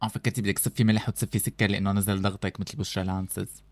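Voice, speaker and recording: A man's voice: lowish voice, little pitch movement, racing. A man with a Levantine Arabic accent hosting a casual chat in a playful, teasing manner. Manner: playful, teasing, often swearing oaths. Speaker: show host.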